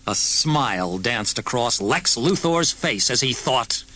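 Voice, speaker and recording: Expressive man reading a storybook. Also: mid-range voice, slow pace. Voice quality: expressive, varied delivery. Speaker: audiobook narrator. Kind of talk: storybook narration.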